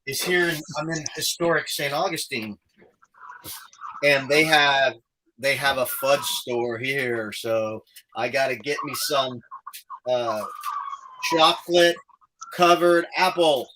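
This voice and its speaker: A man's voice: medium pitch, steady tone, slow, pauses often, noisy background. A man hosting a casual live stream, chatting and reading out comments from viewers.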